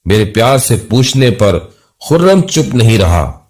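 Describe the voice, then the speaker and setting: Male horror storyteller, slow and measured, lively rise and fall, suspenseful. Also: mid-range voice. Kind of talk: scripted first-person horror narration.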